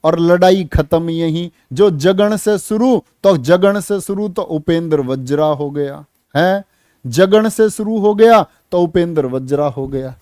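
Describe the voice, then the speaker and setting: A man's voice: on the high side, measured pace, warm tone, no room sound, clean studio sound. A man teaching a class in Hindi, coaxing pupils with questions he then answers himself and counting syllables aloud. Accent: North Indian Hindi. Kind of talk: classroom lecture.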